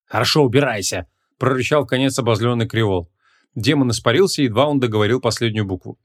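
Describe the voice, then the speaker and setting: A man reading a humorous fantasy audiobook as narrator, in an even, measured voice. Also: mid-range voice. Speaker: audiobook reader. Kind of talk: scripted narration.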